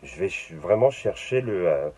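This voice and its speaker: A middle-aged man, a visual artist talking unscripted about his work in his studio, pausing often with fillers and repeated words. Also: deep voice, animated, a little mellow, slightly rough.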